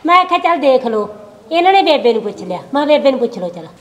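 A woman's voice: high-pitched, sing-song, quick pace. A woman with a Malwai Punjabi accent, playing an anxious village wife whose husband is held across the border. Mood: earnest. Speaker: actor in a village short drama. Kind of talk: amateur village drama acting.

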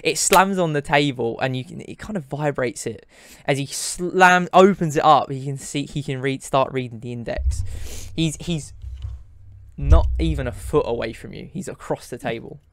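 Male game master, mid pitch, narrates with stops and restarts, dry sound. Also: moderate pace, no room sound. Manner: hesitant, repeats words while narrating.

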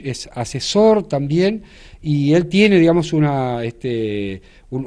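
A man's voice: fairly high pitch, mellow. A man, a church leader explaining an event in a TV news interview, with many fillers and restarts. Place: indoors in front of a studio backdrop.

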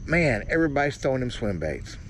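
An older man, a fishing vlogger, muses in a folksy, rambling way from his kayak in a cypress swamp. His medium-pitched voice is fast and a bit bright with big pitch swings, and the outdoor recording carries a little hiss or hum.

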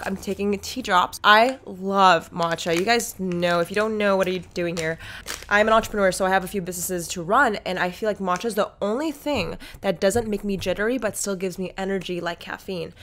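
A young woman YouTuber and entrepreneur chatting to camera in a playful, put-on British-Australian accent, jokey and self-mocking. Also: medium pitch. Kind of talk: casual vlog talk to camera.

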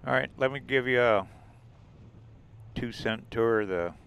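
The audio is dull but the tone clean as a man with a gravelly, medium-pitched voice narrates his RV travels at a measured pace. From inside the vehicle on desert roads, he chats casually and rambles, pointing out the sights.

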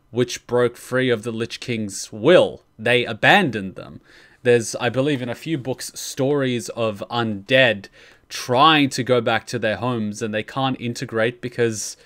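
In an indoor room at his streaming setup, a man with a mid-range, slightly bright voice casually explains game lore on a livestream. He swears freely as he goes.

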